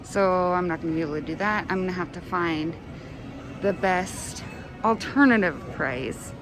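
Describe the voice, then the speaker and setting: A woman's voice: on the low side, moderate pace, music in the background. A woman chatting casually as a vlogger in a grocery store, her voice slightly muffled by a face mask. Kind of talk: casual shopping vlog chat. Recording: noisy store background.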